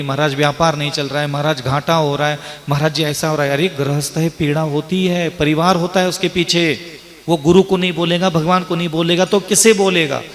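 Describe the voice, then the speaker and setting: A man delivers a sermon as a monk, his voice sitting on the higher side. He builds long repeated lists and breaks into the voices of the people he talks about. The sound rings with a long hall reverb. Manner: animated, acts out the voices of devotees and grain; repeats phrases in lists for emphasis. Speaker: Jain monk preacher.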